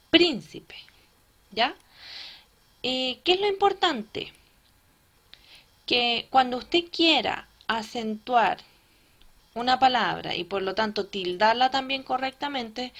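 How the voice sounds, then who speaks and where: A woman teacher gives a recorded lesson at a slow, unhurried pace. Her voice sits a little high, and she explains each point step by step, checking in with quick tag questions as she goes. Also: a bit bright.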